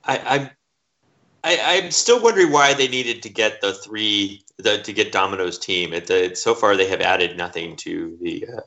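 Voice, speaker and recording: A man with a low, gravelly voice chats about a game with a friend. He talks in halting starts, repeating words, and his tone has a sharp, bright edge. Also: muffled recording. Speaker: co-host watching a game. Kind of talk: casual commentary.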